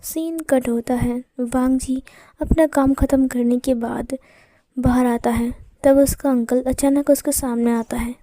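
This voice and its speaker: A woman narrating a fan story aloud in a plain, even storytelling manner. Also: sits high, measured pace, dry recording.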